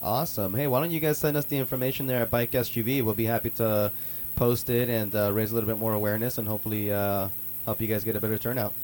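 A man's voice: lowish voice, fast, a little hiss or hum. A man hosting a radio talk show, chatting casually and upbeat with lots of fillers. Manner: relaxed, filler-heavy, upbeat.

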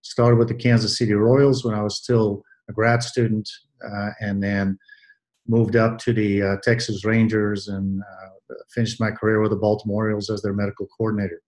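Brief: man in his sixties, from Belgium, low voice, unhurried, hesitant, restarting phrases often. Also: flat delivery, a little mellow. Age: 60s. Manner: measured, many hesitations and restarts. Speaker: guest, athletic trainer. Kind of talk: interview answers.

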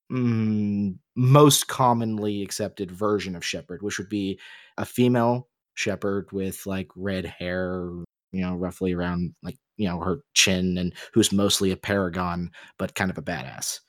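Recorded dry with clean studio sound, this man's voice sits on the low side. He co-hosts a podcast, and during the casual, opinionated discussion he explains his views at length, rambling and emphatic.

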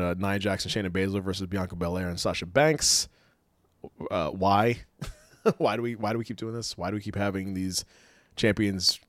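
A man with a fairly low voice talks casually as a co-host, often laughing and stumbling over repeated words. The sound is dry and close, with no room echo. He keeps an easy, chatty flow. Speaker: podcast co-host. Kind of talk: casual chat.

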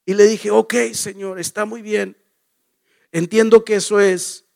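A man's voice: sits high, steady tone, a little slow, vocal fry, darkish tone. A male pastor preaching a sermon, emphatic, repeating phrases and asking the congregation rhetorical questions.

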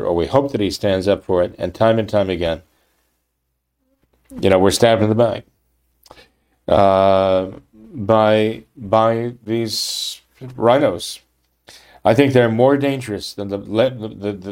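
Indignant low-voiced male commentator. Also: darkish tone. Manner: emphatic, indignant, with frequent restarts and "okay? right?" tags. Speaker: political commentator. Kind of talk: monologue reading and commenting on a news article.

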